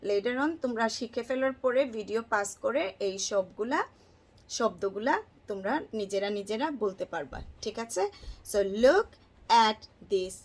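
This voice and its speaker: A woman with a Bangladeshi accent teaching letter sounds to children, drawing out words and repeating them in a sing-song way. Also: medium pitch. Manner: slow, drawn-out, sing-song repetition, switching between English and Bangla. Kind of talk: phonics lesson for kids.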